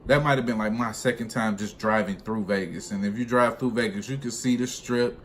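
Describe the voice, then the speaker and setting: A young man who drives trucks describes an experience of his own on a vlog, talking fairly quickly in a lowish voice. It's a casual, slangy, animated retelling, recorded with clearly noisy room sound.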